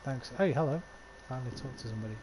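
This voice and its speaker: Here a game streamer with a sore throat talks very fast in a mid-range voice against background noise. He chats loosely with viewers, reads the game's lines out loud and drops offhand swears, addressing chat between lines.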